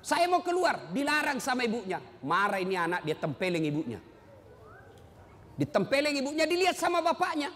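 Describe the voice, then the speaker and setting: A high-pitched man delivers a lively sermon, joking and putting questions to his audience. His voice rings through a hall with a long echo, and faint room noise sits underneath. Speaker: Islamic preacher. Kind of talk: lively sermon with storytelling and jokes.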